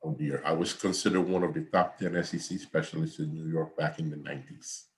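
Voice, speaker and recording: This older Guyanese accounting professor has an extremely low voice, fairly even in intonation and a little fast. He teaches online from home over a video call in a casual lecture that repeats and digresses freely.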